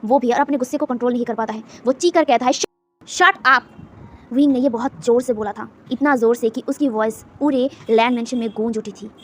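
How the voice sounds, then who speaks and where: A woman's voice: a little high, fairly even intonation, fast, hardly any pauses, darkish tone. A woman narrating a fan fiction story with emotive, repetitive retelling.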